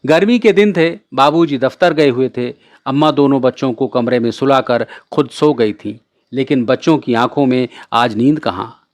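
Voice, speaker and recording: A man's voice: mid-range voice, moderate pace, no room sound. Man reading a storybook aloud. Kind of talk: storybook narration.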